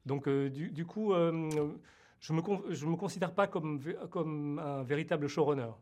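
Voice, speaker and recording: A man's voice: on the high side, normal speed, darkish tone. A French-born man who created a TV series, answering interview questions hesitantly with many fillers and restarts. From France.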